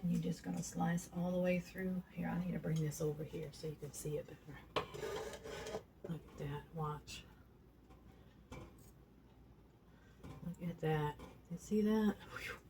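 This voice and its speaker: A woman's voice: lowish voice, steady tone, measured pace, creaky, pauses often. A woman chatting homily as she cooks in her home kitchen, showing how it's done. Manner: chatty and homey, talks while cooking. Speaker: home cook. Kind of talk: casual cooking demonstration. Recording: noisy kitchen with clattering dishes. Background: pans and dishes clattering.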